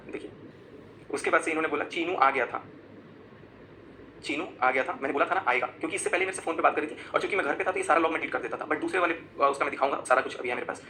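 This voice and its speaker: Rapid, sharp-voiced agitated man. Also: on the high side, slight background noise, low-quality recording. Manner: agitated, accusatory, explaining while showing chat screenshots. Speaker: vlogger. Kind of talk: live confessional rant.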